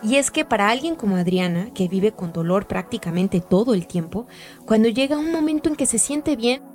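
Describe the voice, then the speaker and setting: Calm woman narrating a podcast. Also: on the high side, moderate pace, soft background music. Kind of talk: scripted narration.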